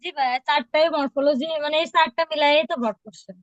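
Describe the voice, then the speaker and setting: A woman's voice: sits high, fast, no room sound, highs cut off. A woman student asking brief, polite questions in an online class.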